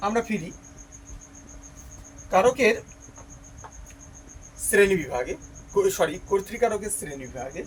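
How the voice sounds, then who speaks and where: A man's voice: sits high, a little hiss or hum, poor audio. A man teaching a grammar lesson, who explains each step patiently, repeats key terms, and asks questions that he answers himself.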